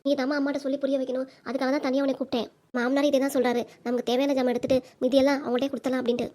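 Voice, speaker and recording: A woman's voice: high voice, little pitch movement, rapid-fire, mellow, lightly acted. A woman voicing a coaxing mother-in-law. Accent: southern Tamil. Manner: coaxing, persuasive. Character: kind scheming middle-aged mother-in-law. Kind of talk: cartoon voice acting.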